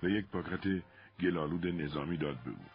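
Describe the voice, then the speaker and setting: A man narrating an audiobook in an expressive storytelling manner. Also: sits low, creaky, muffled recording, faint music behind.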